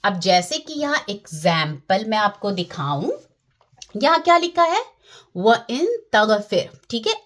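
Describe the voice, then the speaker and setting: A woman's voice: mid-range voice, very animated, unhurried, a bit bright. A woman teaching Quran recitation in a patient lesson, often checking that her listeners follow and demonstrating the sounds herself.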